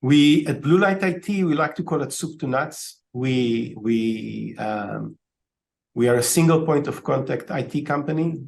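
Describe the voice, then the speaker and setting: Over a laptop webcam on a video call, an Israeli IT company owner in his fifties speaks as a guest, his medium-pitched voice gravelly and a little mellow. Unhurried, he tells stories full of ums and restarts.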